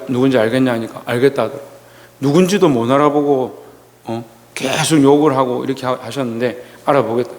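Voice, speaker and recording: Halting man preaching in echoing church. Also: medium pitch, a little mellow. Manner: slow, halting storytelling with many pauses and restarts. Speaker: pastor. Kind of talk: sermon. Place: church sanctuary.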